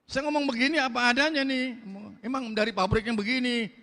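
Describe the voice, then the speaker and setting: A man with a Betawi Jakarta accent preaching a fiery sermon, loud, blunt and forceful, with slangy talk. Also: very high-pitched, steady tone, a little fast, long reverb tail.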